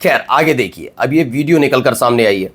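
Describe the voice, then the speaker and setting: A man hosting a news commentary show, emphatic and full of rhetorical questions and drawn-out pauses. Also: medium pitch, lively intonation, a bit bright, slight background noise. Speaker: news anchor.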